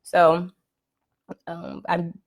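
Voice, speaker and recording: Low-voiced woman hosting a live podcast. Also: wildly swooping pitch, extremely slow, creaky. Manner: conversational, frequent "right?" and "um" fillers. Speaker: podcast host. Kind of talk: casual live-stream monologue. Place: at home, live video stream. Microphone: computer or phone mic on a live stream.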